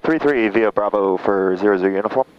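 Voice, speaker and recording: A student pilot, a man, making quick, clipped radio calls to the tower through a cockpit headset. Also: on the low side. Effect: pilot speaking through a cockpit headset. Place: small plane cockpit. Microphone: headset boom mic. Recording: muffled headset audio with engine noise.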